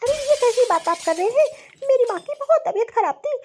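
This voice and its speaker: A woman's voice: very high voice, animated, brisk, a little mellow, slight background noise. A woman voicing an earnest, dutiful young daughter-in-law in a cartoon story. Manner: earnest, eager to please. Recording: dull lo-fi audio.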